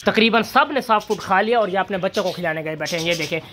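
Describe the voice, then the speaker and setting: A young vlogger and bird keeper chats casually while feeding his birds and rabbits, calling and coaxing the animals between remarks in his farm vlog. His voice is high and sharp and he talks fast, with a little hiss or hum on the recording.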